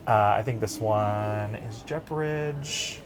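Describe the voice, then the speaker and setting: A man's voice: fairly low pitch, slow pace. A man explaining procedures casually to a visitor as a flight attendant trainer. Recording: clear background noise.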